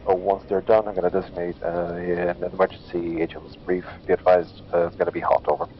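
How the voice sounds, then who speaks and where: A man's voice: deep voice, level tone, fast talker. A man calling in over a radio with static bursts as a ground squad leader, using clipped military radio procedure with hesitant fillers. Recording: lo-fi radio sound with faint hiss.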